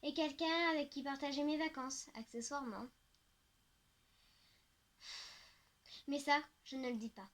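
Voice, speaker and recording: Woman audiobook narrator; high-pitched, reflective first-person teen novel reading. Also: unhurried, pauses often, a bit bright.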